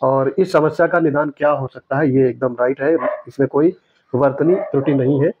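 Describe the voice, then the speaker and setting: Man slowly correcting exam answers. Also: mid-range voice, slightly rough, no echo. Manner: explains step by step, repeats corrected words slowly. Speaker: teacher. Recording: dry, dull lo-fi sound.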